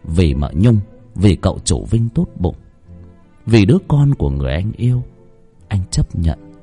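A man narrating a dramatic Vietnamese folk ghost story with an expressive, swooping delivery. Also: low-pitched, normal speed, slightly rough, faint music behind.

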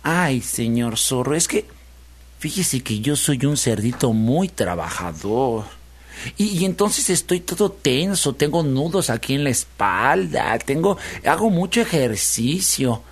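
A man voicing a crafty little pig in a told story, whiny and flattering. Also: mid-range voice, breathy edge, exaggerated voice. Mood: wheedling. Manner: wheedling, drawn-out whiny pleading. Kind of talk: storytelling on radio.

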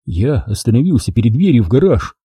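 A dark, husky man reading a storybook. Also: medium pitch, big pitch swings, a little fast, dry recording, studio quality. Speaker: audiobook reader. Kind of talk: storybook narration.

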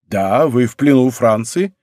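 A man's voice: medium pitch, expressive, normal speed, darkish tone, dry recording, clean studio sound, lightly acted. A man voicing an earnest young king in an audiobook, soothing and coaxing. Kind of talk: audiobook character reading.

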